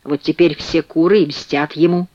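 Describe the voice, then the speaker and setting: A man's voice: on the high side, steady tone, normal speed, a little mellow, no room sound, highs cut off, lightly acted. A man voicing a sardonic, mocking cellmate who comments in a sententious, unctuous way.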